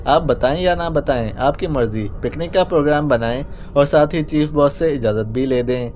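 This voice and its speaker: A man's voice: on the high side, a little mellow, a little hiss or hum, close to an everyday voice. A man voicing a young male secret agent who coaxes and pleads. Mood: pleading.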